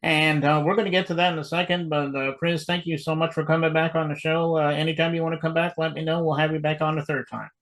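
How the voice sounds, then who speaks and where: Man, interview host, easygoing, filler-heavy, slightly high pitch. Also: level tone, fast, hardly any pauses, fairly bright tone, rough recording. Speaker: show host.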